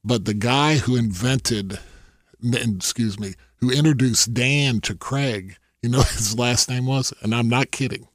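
A middle-aged man tells stories in a loose, rambling way, restarting his sentences and breaking into laughter. His voice sits at an ordinary pitch and is recorded close and dry, with no room sound. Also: a little slow, no room sound. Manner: rambling, many restarts, laughs often, acts out quotes. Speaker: guest telling stories. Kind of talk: casual storytelling chat.

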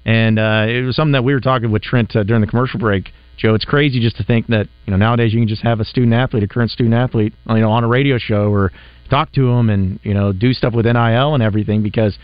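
A man's voice: mid-range voice, steady tone, fast talker, clean tone, no echo. A man hosting sports talk radio in a casual way, full of fillers. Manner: casual, filler-heavy talk with many "you know" and "uh". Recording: dry, slightly dull studio sound.

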